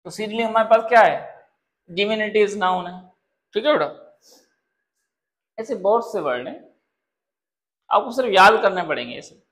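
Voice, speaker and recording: Brief: male teacher, high-pitched voice, patient classroom style, keeps checking if students understand. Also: lively intonation, normal speed, pauses often, a bit bright. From Pakistan. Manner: calls students "beta", explains with word examples. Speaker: English grammar teacher. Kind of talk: classroom grammar lesson.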